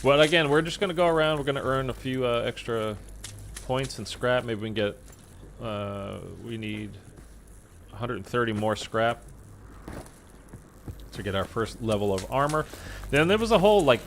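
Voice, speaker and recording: A man's voice: medium pitch, normal speed, pauses often. A man giving rambling, offhand gameplay commentary as a casual streamer. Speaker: gaming streamer. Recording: clear background noise from game.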